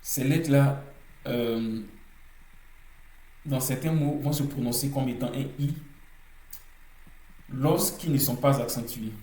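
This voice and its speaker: A male teacher walks through pronunciation rules at an unhurried pace, pausing often on hesitations and repeating each example word to drill it. His voice is mellow and soft-edged. The recording carries a noticeable room echo. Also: mid-range voice. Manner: slow and deliberate, many hesitations, repeats words to drill them. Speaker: language teacher.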